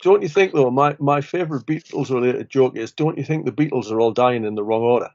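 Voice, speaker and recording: A man rambles through jokes in a casual chat over beers, restarting sentences and tacking on questions. His pitch sits in the middle range. The recording is dull and lo-fi. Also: a little fast, darkish tone. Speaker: social worker podcast co-host. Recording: muffled lo-fi recording.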